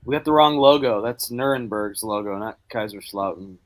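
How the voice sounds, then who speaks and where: Man, co-host, low voice, thinking aloud, trails off, self-corrects. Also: moderate pace, dry recording. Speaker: podcast co-host. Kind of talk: casual football chat.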